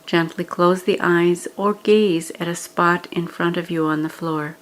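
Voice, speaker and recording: With a steady tone and a somewhat low voice, a woman reads scripted guided-meditation instructions in a gentle, measured way, leaving pauses between them.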